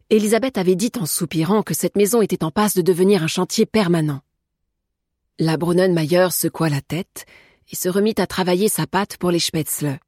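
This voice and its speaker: A woman narrating a novel in a measured, even storytelling manner. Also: fairly low pitch, slightly rough, no room sound, studio quality. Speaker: audiobook narrator. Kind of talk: scripted narration.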